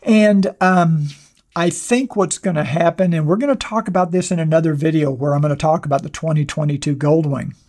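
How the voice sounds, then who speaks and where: An older man hosts a motorcycle channel, sitting at a desk in a small studio with a wireless clip-on mic and casually answering viewer comments to camera. His voice is hoarse and giving out, on the high side and a little mellow, and he talks a little fast. He rambles conversationally, full of fillers and restarts.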